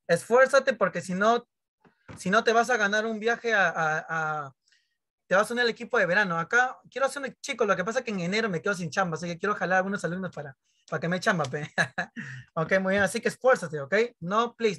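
A man's voice: high voice, a little fast, bright, forceful tone. A man teaching English grammar in an online primary class, joking and teasing his pupils and acting out their questions. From Peru.

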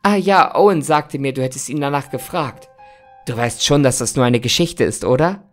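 A man's voice: mid-range voice, normal speed, soft background music, natural voice. A man voicing a cheerful, chatty woman boss in a spooky storybook reading. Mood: bubbly. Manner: bright, gushing, breezy.

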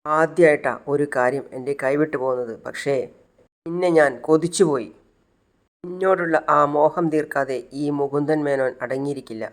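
A man's voice: fairly high pitch, moderate pace, lightly acted. A man voicing a proud, possessive rich man from a TV serial who demands answers. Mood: brooding. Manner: demanding, commanding.

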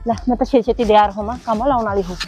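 A woman's voice: medium pitch, steady tone, very fast, dark tone, soft background music, lightly acted. An actress playing a vain middle-aged mother who boasts about dressing up, in a village comedy drama. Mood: boastful. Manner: boastful, chatty.

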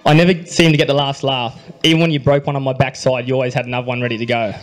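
A young Australian man reading his wedding speech into a handheld microphone at a reception, with dry humor and a quietly emotional delivery. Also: mid-range voice, flat delivery, very fast, noisy background. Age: young adult. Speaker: groom giving a wedding speech. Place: wedding reception hall, indoors.

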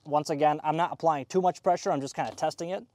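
A man's voice: fairly high pitch, steady tone, fast, dark tone. A young man, an HVAC technician, explaining step by step as he works on an outdoor air conditioner. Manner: explains step by step while working. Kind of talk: hands-on tutorial. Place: outdoors by an AC unit.

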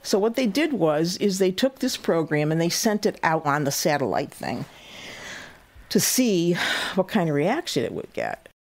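A woman in her eighties tells stories in an interview. Her voice sits fairly low, and her delivery is lively. She laughs often and puts on voices for the people she quotes. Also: normal speed. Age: 80s. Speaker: guest, cooking show host. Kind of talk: interview storytelling.

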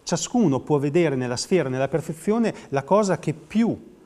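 A man's voice: a little high, animated, moderate pace, dark tone. A middle-aged man explaining his artwork as an interview guest, reflective and hesitant in his phrasing. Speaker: artist guest. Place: TV studio.

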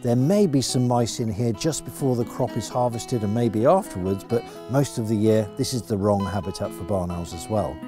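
A middle-aged man from the UK explaining wildlife habitat outdoors in a clear, enthusiastic instructional manner, on a lapel mic. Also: lowish voice, normal speed, hardly any pauses, music in the background. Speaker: conservation educator. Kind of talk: instructional nature film. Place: outdoors in grass fields.

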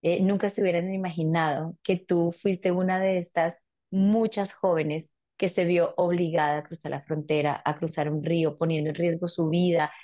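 A woman's voice: fairly low pitch, fairly even intonation, normal speed, dark tone. A woman hosting a TV interview, asking her guest questions in an earnest, encouraging way. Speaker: host. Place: small studio set.

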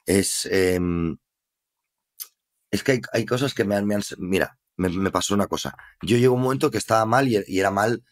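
A man's voice: fairly low pitch, fairly quick. A man with a Spain Spanish accent, a podcast guest telling his story in earnest, reflective casual conversation.

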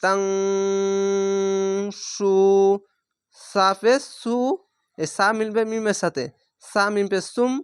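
A man teaching Quran reading, with a Bangladeshi Bengali accent, who spells out each syllable slowly and stretches the vowels. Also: high voice, steady tone, fairly bright tone, clean tone, no echo, studio quality. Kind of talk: spelling-out recitation lesson.

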